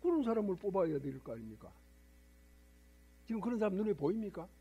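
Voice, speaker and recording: A man's voice: high-pitched, sing-song, fast talker, husky, highs cut off. An older man, a Buddhist monk, preaching a sermon to a temple congregation, lecturing and firing rhetorical questions at his listeners.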